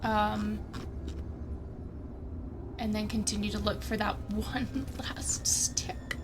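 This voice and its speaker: Slow and steady in tone, a woman at medium pitch talks through her characters' moves in a tabletop game, thinking aloud in a tentative, chatty way. It's an online livestream video call with a clearly noisy background.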